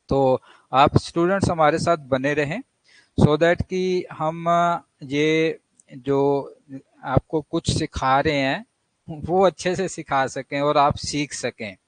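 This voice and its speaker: A man with an Indian accent leads an online English vocabulary lesson. He talks very slowly, repeating each word for drill, in a somewhat high voice. The sound is dry and close. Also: fairly even intonation, no room sound, low-quality recording. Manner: explains slowly, repeats words for drill, mixes Hindi and English. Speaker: English teacher.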